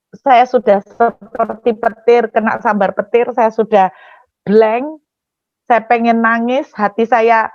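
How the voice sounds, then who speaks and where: A woman preacher tells a personal story from the pulpit. She is animated and keeps turning to the congregation. The recording sounds dull and dry. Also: fairly high pitch, dry recording. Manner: animated, often addresses the congregation as brothers and sisters. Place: church.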